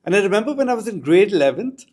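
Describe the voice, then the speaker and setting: A middle-aged man speaks with an Indian accent in a somewhat high-pitched voice. He is an articulate, reflective storyteller, sharing anecdotes as a podcast guest. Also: very animated, rapid-fire, a little mellow. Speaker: podcast guest, school educator. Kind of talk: anecdotal interview talk.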